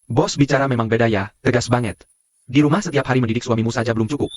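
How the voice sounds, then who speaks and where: A man's voice: mid-range voice, fairly even intonation, fast talker, no echo, lightly acted. An actor dubbing a scornful, quarrelsome father who mocks and scolds his family. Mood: scolding. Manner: mocking, scolding. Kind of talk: dubbed drama dialogue.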